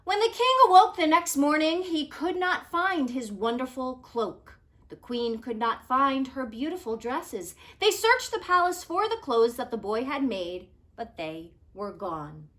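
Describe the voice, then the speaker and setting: Reading a children's story aloud, a woman uses expressive, dramatic phrasing in a bright, fairly high voice. She is unhurried, lingering over the words as a storybook reader.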